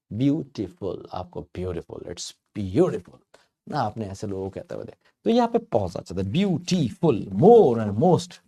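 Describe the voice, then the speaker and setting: Speaking in a mellow voice of medium pitch, a man walks learners through English grammar. It's a chatty, storytelling lesson in which he playfully draws out words to make a point.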